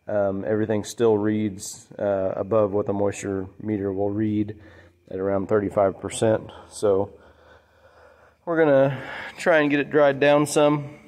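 In a large workshop building with a metal roof, a man who builds DIY projects and hosts a channel explains his hands-on work plainly and casually, in a lowish, darkish voice.

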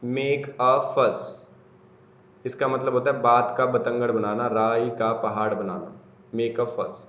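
A man's voice: medium pitch, steady tone, a little slow, a bit bright, echoey room, highs cut off. A man from India with a Haryanvi Hindi accent gives a classroom grammar lecture, asking questions and answering them himself. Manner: asks and answers his own questions, repetitive. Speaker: teacher.

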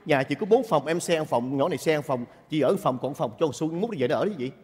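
A man's voice: a little high, animated, lightly acted. A man doing a flamboyant, whiny chatterbox. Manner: theatrical, whiny, quick to wail. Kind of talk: stage comedy sketch. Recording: reverberant hall with loud ambience.

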